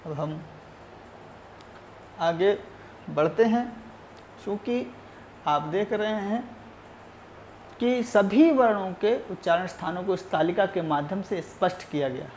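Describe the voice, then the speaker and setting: A male Sanskrit teacher giving a recorded lesson, measured and explanatory, sounding out each letter. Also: high voice, lively intonation, darkish tone, a little hiss or hum.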